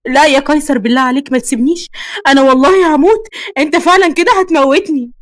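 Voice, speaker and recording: A woman's voice: high-pitched, racing, no room sound, studio quality, close to an everyday voice. A woman with an Egyptian accent voicing a heartbroken young woman who pleads in tears, in a storybook reading. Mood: tearful. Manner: tearful, pleading.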